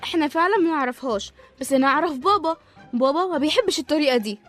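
A woman's voice: sits high, lively intonation, very fast, a bit bright. A woman with an Egyptian accent playing a young daughter who is protective of her father in a radio serial. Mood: suspicious, indignant. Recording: faint music behind the voice.

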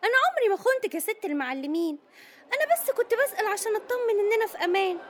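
A fawning young inmate with an Egyptian accent, played by a woman, panicky and eager to please. Her voice is very high, rattles along very fast and leaps up and down. A faint hiss sits behind her. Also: expressive. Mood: jittery. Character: jittery fawning young female inmate sidekick.

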